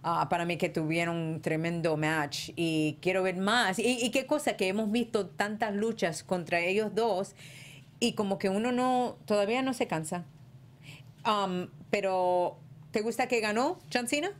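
A woman hosting a casual panel chat, expressive and emphatic, slipping between Spanish and English. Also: mid-range voice, a little slow. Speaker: host of a wrestling talk show. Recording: noticeable background noise.

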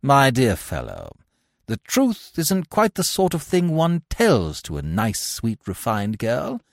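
A man playing a fussy young gentleman who talks in an irritable, flustered way. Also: mid-range voice, huge pitch swings, slow pace, vocal fry, dry recording, clean studio sound, voice pushed up, exaggerated voice. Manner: peevish, flustered.

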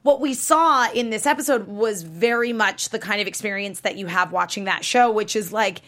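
A woman's voice: mid-range voice, moderate pace, a bit bright. A woman hosting a talk show in a casual, chatty way, often dropping "like" into her sentences. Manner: conversational, peppered with "like".

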